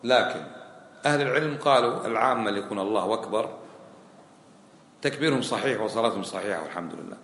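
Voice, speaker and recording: A man's voice: on the low side, quick pace, long pauses, fairly bright tone. A man teaching a colloquial lesson on prayer rulings, questioning his students and repeating key phrases. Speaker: sheikh teaching a fiqh lesson. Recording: echoey hall with faint ambient noise.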